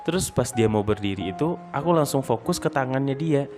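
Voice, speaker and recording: A man casually telling a personal story in a chatty, dramatic, expressive way. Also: mid-range voice, brisk. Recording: guitar music under the voice.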